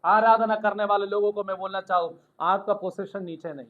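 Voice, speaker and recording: A male pastor preaching a sermon with call and response, building to shouts of hallelujah. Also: high-pitched, steady tone, fairly quick, narrow, tinny audio.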